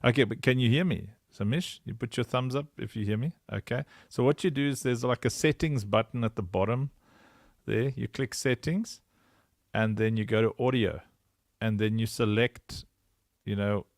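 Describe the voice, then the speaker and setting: A man's voice: medium pitch, normal speed, dry recording, studio quality. A man hosting a casual livestream chat over a video call, playful and sing-song, laughing often. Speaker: livestream host.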